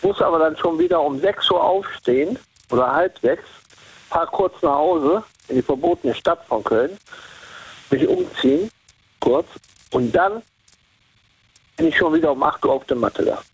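Man, caller from Cologne, lively rising and falling pitch, dry muffled phone sound, rambling. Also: normal speed, gravelly, pauses often, slightly rough, no echo. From Cologne, Germany. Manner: rambling, repeats himself. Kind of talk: casual phone-in chat.

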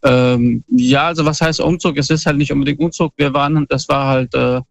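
Guy phoning in, muffled phone line sound, gravelly voice, lots of ums, from northern bavaria. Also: medium pitch, fairly even intonation, brisk, no room sound, faint music behind. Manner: hesitant, many fillers and restarts. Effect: phoned in over a dull, lo-fi phone line. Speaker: caller. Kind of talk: casual call-in storytelling.

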